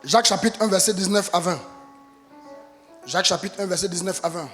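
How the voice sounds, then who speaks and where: Male pastor, fiery shouting sermon, high pitch, long church reverb. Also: a little fast, soft background music. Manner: impassioned preaching, rising to shouts.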